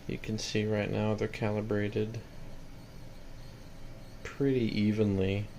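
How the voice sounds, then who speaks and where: In a noisy home video, a seller demonstrates his equipment with a fairly low, flat voice, talking slowly. His walkthrough is casual, plain-spoken and matter-of-fact.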